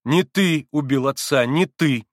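A male reader voicing a gentle, devout young man who speaks quietly and earnestly. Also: mid-range voice, fairly even intonation, moderate pace, dry recording, clean studio sound, natural voice.

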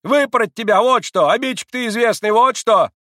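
A shrill market woman scolds at the top of her voice, as a male reader puts her on. Her pitch climbs far above the reader's own. The recording is dry and close. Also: fairly even intonation, brisk, a bit bright, no room sound. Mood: shrill scolding. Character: shrill, scolding female market trader, not old.

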